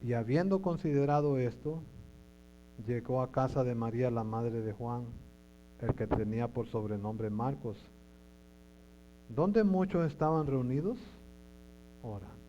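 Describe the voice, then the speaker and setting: A man's voice: medium pitch, a little slow, long pauses, mellow. Pastor guy preaching, keeps asking the congregation stuff, dull muffled recording, a little hum behind. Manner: repeats words and asks the congregation questions. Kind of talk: sermon. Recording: dull lo-fi sound with faint hum.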